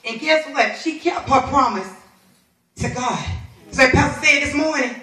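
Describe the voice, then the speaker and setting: A woman minister preaching a sermon in a church, animated and colloquial, laughing as she talks and trading call-and-response with the congregation. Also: sits high, measured pace. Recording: echoey room from far off.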